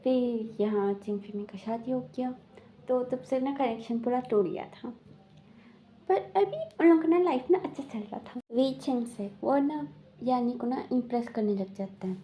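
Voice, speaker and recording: A woman's voice: high-pitched, dark tone. A woman casually retelling a drama plot, rambling with many fillers and quoting the characters. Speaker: drama recap narrator. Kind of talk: casual storytelling recap.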